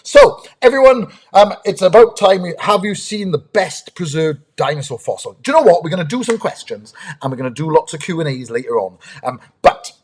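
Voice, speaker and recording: Brief: male host for a kids' live stream, slightly high and very animated pitch, eager, chatty, lots of ums. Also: moderate pace, husky. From United Kingdom. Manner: lively and eager, greets chat viewers, many ums. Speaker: host, dinosaur ranger. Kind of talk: live-stream chat with young viewers.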